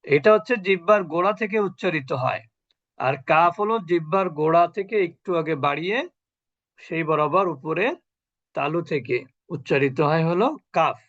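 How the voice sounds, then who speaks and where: A man's voice: fairly high pitch, normal speed, fairly bright tone, no echo. A man teaching a Quran recitation class over a video call, patiently drilling letter sounds and repeating syllables. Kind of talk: online tajweed lesson. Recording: muffled lo-fi video call audio.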